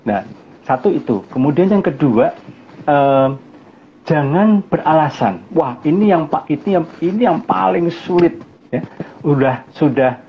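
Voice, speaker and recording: A man speaking as a guest on a casual live talk, animated, putting on other people's voices in quoted lines and chuckling often. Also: a little high, measured pace, highs cut off, slight background noise. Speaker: guest speaker on family life.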